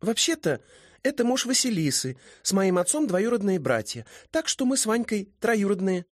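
Brief: man voicing a bubbly, friendly young woman, raised pitch, lively, dry close sound. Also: normal speed, no echo.

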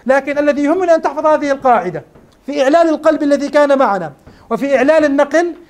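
A man's voice: very high voice, expressive, racing, a little mellow. A man teaching morphology in a classroom lecture, explaining step by step and asking his students questions.

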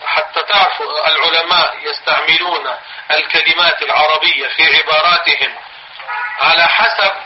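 Levantine-accented male religious teacher, fairly high voice, patient and repetitive, on a dull old tape. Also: fairly even intonation. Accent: Levantine Arabic. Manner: explains slowly, repeats phrases, dictates for notes. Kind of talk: classroom religious lesson. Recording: dull lo-fi recording, faint hiss.

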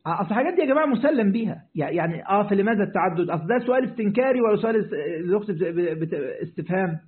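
A sheikh with an Egyptian Arabic accent delivers a Quran commentary lesson in rapid-fire speech, his voice sitting high with lively intonation. Speaking straight to listeners, he repeats his points and answers questions, and the line sounds tinny, like a phone.

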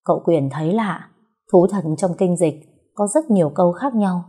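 A young woman narrating a story in a steady, expressive manner. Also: on the low side, moderate pace, slightly rough.

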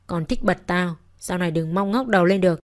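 A woman's voice: fairly low pitch, fairly quick, close to an everyday voice. A woman voicing a brutish, arrogant brother-in-law who snarls threats. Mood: menacing.

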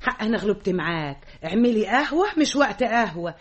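Lady doing a chatty egyptian mom, fast and singsong, husky, old radio play. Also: mid-range voice, expressive, dull audio, natural voice. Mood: pleading. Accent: Egyptian Arabic. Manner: chattering, pleading. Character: fussy soothing middle-aged mother. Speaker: mother. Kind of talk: radio drama acting.

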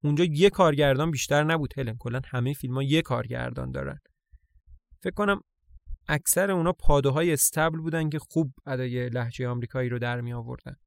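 A man voicing an earnest, gentle young man with a limp in a storybook reading. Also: mid-range voice, creaky, no echo, lightly acted. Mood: sheepish. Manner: earnest, plain-spoken.

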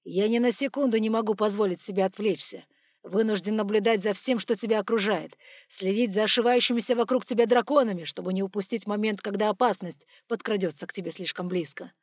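A woman voicing a stern, furious male dragon bodyguard in an audiobook, speaking loud and clipped through gritted teeth. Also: medium pitch, measured pace, husky, no echo, studio quality. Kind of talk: audiobook character voice.

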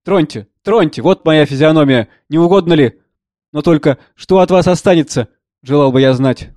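A man's voice: fairly high pitch, normal speed, a little mellow, no echo, close to an everyday voice. A man voicing a burly, insolent man who talks down with sneering politeness. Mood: mocking. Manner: sneering, condescending.

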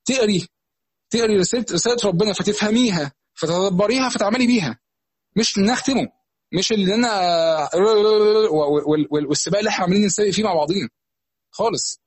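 Fast-talking husky Egyptian preacher. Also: male voice, sits high, no room sound. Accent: Egyptian Arabic. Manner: fast, conversational teaching with many restarts and repetitions. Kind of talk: religious lesson.

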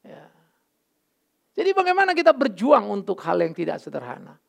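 A man's voice: high voice, huge pitch swings, normal speed, creaky. A middle-aged male pastor giving a candid, emotional sermon, mixing English words into his talk.

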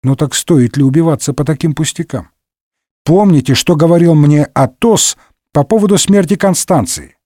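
A man's voice: on the high side, normal speed, no echo, studio quality, pitched above the performer's own voice, natural voice. A man voicing a hot-tempered, sarcastic middle-aged swordsman in a comic audiobook, barking insults and mocking his friend. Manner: brusque, mocking, shouting insults.

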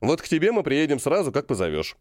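A man's voice: on the high side, wildly swooping pitch, fast, darkish tone, dry recording, clean studio sound. A man voicing a jovial, scheming middle-aged colonel who banters and stretches words for emphasis. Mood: bantering.

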